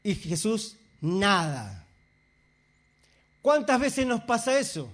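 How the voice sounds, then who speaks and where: A male pastor preaches a sermon at a measured pace, his voice sitting very high for a man. He shifts from hushed, quiet asides to raised, fervent outbursts.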